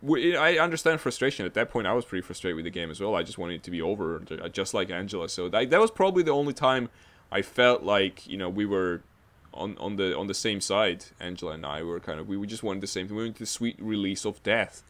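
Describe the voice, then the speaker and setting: A man's voice: low-pitched, lively intonation, fast, fairly bright tone. A man giving a casual spoken game review, rambling with frequent restarts and a mildly exasperated tone.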